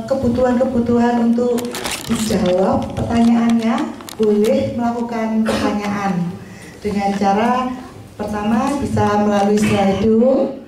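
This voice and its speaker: A woman's voice: on the high side, mellow, distant mic, a little hiss or hum. Woman moderating in an echoey hall. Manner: chatty, laughs at herself. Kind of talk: event hosting.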